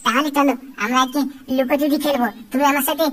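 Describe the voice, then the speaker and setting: A woman's voice: sits high, fairly even intonation, fast talker, distant mic, a little hiss or hum. [name], a woman voicing a sly cartoon boy. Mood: coaxing. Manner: coaxing, sweet-talking. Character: sly mischievous cartoon boy, sweet-talking. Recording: cartoon dub with loud background music.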